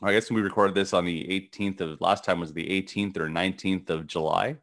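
A middle-aged man with a gravelly morning voice and a fairly low pitch, chatting as the co-host of a sports podcast. He rambles and halts, restarting sentences and filling the gaps with ums and uhs. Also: steady tone, a bit bright. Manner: rambling, halting with many restarts and fillers. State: voice cracking. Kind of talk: casual sports podcast chat.

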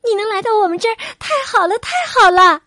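Storybook figure: a woman doing a bright, squeaky little country mouse, gentle and eager, in a dry close sound. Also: expressive, a little slow, no echo. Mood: excited. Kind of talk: storybook reading for children.

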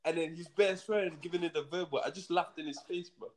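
A man's voice: fairly high pitch, fairly even intonation, fast talker, a crowd in the background. A young man with a British urban London roadman accent, telling stories casually in heavy street slang. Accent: British urban slang, London roadman style. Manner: slangy storytelling, punctuated with bro and fam. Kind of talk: casual group chat.

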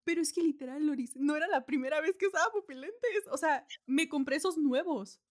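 High-voiced Mexican woman hosting a chat. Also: brisk. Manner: profane, animated storytelling. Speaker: podcast host. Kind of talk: casual chat.

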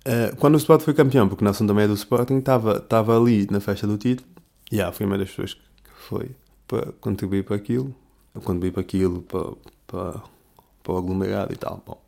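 Mellow-voiced rambling man. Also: fairly low pitch, fast talker, gravelly. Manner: rambling, slangy, self-correcting. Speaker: podcast host. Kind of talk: casual monologue.

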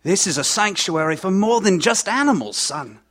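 Man doing a calm mysterious elder, high-ish voice, slow and knowing. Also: exaggerated voice. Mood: solemn. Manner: measured, solemn, knowing. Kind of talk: live audio drama acting.

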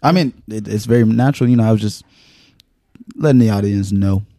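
A man co-hosting a podcast in casual chat, dry and teasing, often pausing and restarting his sentences. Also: on the low side, warm tone, no room sound. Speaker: podcast co-host.

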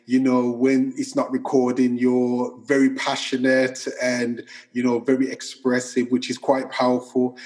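A man's voice: mid-range voice, darkish tone. Friendly man hosting a podcast. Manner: friendly, rambling questions with fillers. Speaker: podcast host. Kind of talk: interview hosting.

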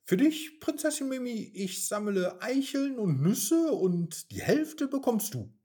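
A man's voice: big pitch swings, warm tone, slightly rough, heavily acted. A man voicing an eager, hasty squirrel in a children's story. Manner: quick, eager and high.

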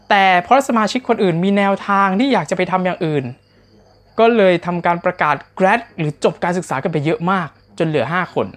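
A man narrates a recap of a competition show in a casual, chatty way. He speaks directly to the audience and keeps his tone polite throughout. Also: extremely high pitch. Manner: chatty, talks straight to viewers, polite particles throughout.

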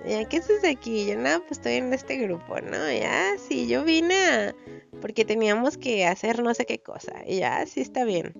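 A woman's voice: on the high side, moderate pace, vocal fry, highs cut off, soft background music. A young Mexican woman hosting a podcast, telling a personal story in casual slang and acting out what people said. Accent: Mexican Spanish. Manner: slangy, animated, acts out quoted dialogue. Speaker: podcast host.

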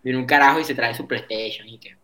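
A man trades loose, slang-heavy banter about games. His voice sits at an ordinary middle pitch for a man. He sounds easygoing and conversational. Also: steady tone, fast, pushed and bright. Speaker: podcast co-host. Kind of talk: casual gaming chat.

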